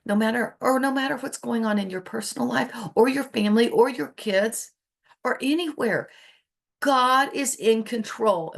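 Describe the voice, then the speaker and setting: A woman's voice: mid-range voice, creaky. Encouraging woman hosting a homeschool podcast. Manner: encouraging, practical, holds up printables while explaining. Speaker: podcast host. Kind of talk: casual teaching talk on family gratitude. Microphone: video recording.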